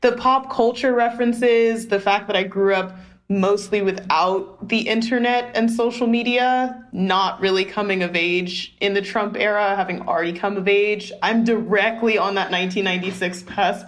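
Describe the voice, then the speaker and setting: A woman's voice: mid-range voice, steady tone, moderate pace. Woman, twenties, American, podcast guest, casual chatty manner. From United States. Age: 20s. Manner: conversational, loose and chatty. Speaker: guest, opinion writer. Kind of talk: casual interview talk.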